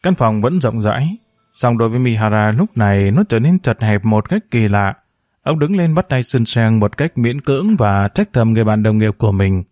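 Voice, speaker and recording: A man narrating a novel as an audiobook in a steady, measured storytelling voice. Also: lowish voice, dry recording, clean studio sound.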